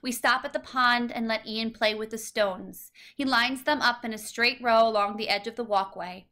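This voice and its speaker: Reading from a children's storybook, this woman has a bright voice pitched fairly high and keeps a normal speed. She delivers the scripted text expressively, shaping every phrase clearly so young listeners can follow.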